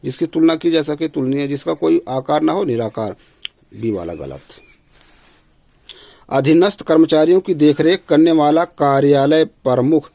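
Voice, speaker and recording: A man teaching Hindi spelling and grammar for exams, reading each question aloud and then dropping low and quiet for the answer, often adding "है ना". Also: expressive, normal speed, vocal fry, dry recording. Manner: repeats himself, tag "है ना". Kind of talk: casual exam-prep lesson.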